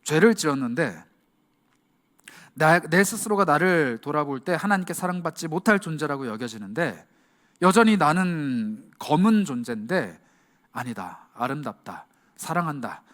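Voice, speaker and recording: A male youth pastor delivering an impassioned sermon, shifting to a hush at key words and acting out quoted lines. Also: on the high side, big pitch swings, normal speed.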